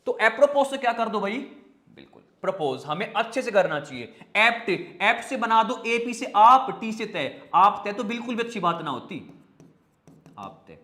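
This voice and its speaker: A man's voice: high voice, very animated, normal speed, pushed and bright, roomy sound. A man teaching an online vocabulary class in a joking, chatty way, using memory tricks and talking to viewers.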